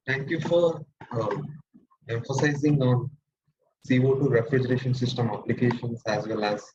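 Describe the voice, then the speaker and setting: A man with an Indian English accent moderating an online workshop, politely reading out a speaker's introduction. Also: medium pitch. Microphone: computer mic on a video call. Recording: dull lo-fi call audio with faint noise.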